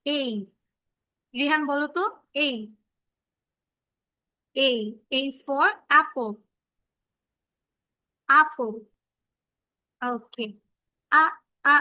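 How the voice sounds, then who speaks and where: A woman teaching English phonics to children in an online class, slowly sounding out letters and words for them to repeat. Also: high voice, steady tone, bright, forceful tone, no echo, poor audio. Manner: slow, repeats letter sounds for kids to copy. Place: home, on a laptop video call. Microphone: laptop mic.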